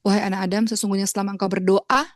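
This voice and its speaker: A woman preacher from Indonesia talks rapid-fire in a level tone, giving an earnest religious lecture to listeners she calls friends while naming herself Uma. She performs pleading prayers with rising pitch, and the sound is dry and clean, like a studio.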